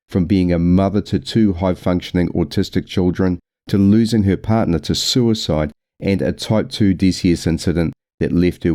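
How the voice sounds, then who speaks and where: A man hosting a diving podcast, reading a measured intro and then chatting with his guest in a friendly way. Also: sits low, dark tone, no echo. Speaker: podcast host. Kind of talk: scripted intro then casual interview.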